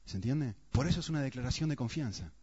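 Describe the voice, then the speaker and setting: A man's voice: mid-range voice, expressive, fast talker, mellow, husky. A man preaching a sermon earnestly, often asking the congregation rhetorical questions. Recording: dull, muffled sound.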